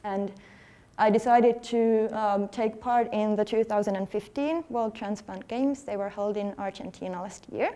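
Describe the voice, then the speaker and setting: Mellow-voiced woman presenting. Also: mid-range voice, fairly even intonation. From Finland. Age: 30s. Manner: earnest, conversational, slightly halting. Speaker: athlete speaking at a workshop. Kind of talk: conference presentation. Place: conference hall.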